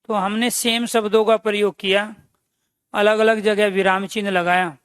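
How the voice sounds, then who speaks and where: A man gives an exam-prep lesson in a fairly high voice. He calls his listeners dear friends and keeps quizzing them. The recording is dry, with no room sound. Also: level tone, moderate pace, fairly bright tone, clear, resonant tone, dry recording. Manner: repeats key phrases and quizzes listeners with questions. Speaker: Hindi grammar teacher.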